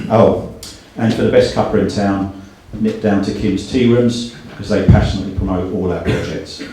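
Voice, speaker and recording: In a hall with a noisy background and heavy echo, a middle-aged man stands distant from the microphone. He's hosting the event as a company director, giving thanks and reading names in a fairly low voice with fairly even intonation at a moderate pace.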